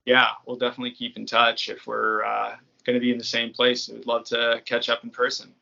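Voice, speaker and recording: This New England man, a podcast creator, chats casually and meanderingly as an interview guest, speaking briskly in a monotone. His medium-pitched voice is creaky, bright, and forceful, and the sound is lo-fi.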